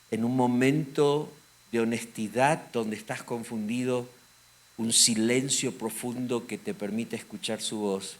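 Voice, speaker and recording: A male pastor with a Rioplatense Spanish accent and a fairly low-pitched voice preaches a sermon, swinging between loud, emphatic lines and hushed, intimate ones.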